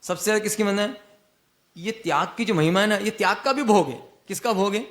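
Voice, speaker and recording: A man's voice: high-pitched, fairly quick, a bit bright. A man giving a spiritual discourse who poses rhetorical questions to his listeners, answers them himself, and repeats his key points. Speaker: spiritual teacher. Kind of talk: Jain discourse sermon.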